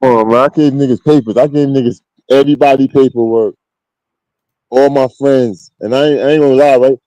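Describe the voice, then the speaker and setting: A man's voice: mid-range voice, steady tone, fairly quick, mellow, no echo, low-quality recording. A man from Queens with a New York accent, telling street stories as a guest in a blunt, slangy, emphatic way. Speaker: interview guest. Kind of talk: casual street storytelling.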